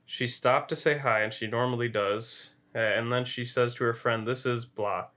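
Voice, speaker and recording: A man's voice: medium pitch, fairly even intonation, moderate pace, pushed and bright. Man reading a story aloud, amused. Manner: amused, laughs while reading. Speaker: podcast co-host.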